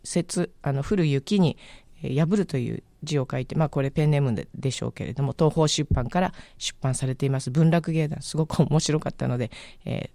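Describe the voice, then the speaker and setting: A woman's voice: deep voice, dark tone, no echo. A woman radio host casually recommending a book on air, chatty and musing, often searching aloud for the right word.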